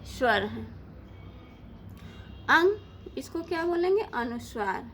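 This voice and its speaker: A woman teaching a lesson, asking questions and answering them herself in a slow, deliberate way. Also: sits high, sing-song, fairly bright tone, slight background noise. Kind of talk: Hindi grammar lesson.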